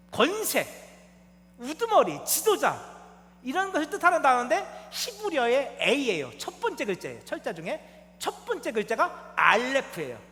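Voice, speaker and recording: High-voiced lively Korean pastor preaching. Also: male voice, long reverb tail. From South Korea. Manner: lively, teacherly, asks the congregation questions. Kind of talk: sermon. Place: church sanctuary.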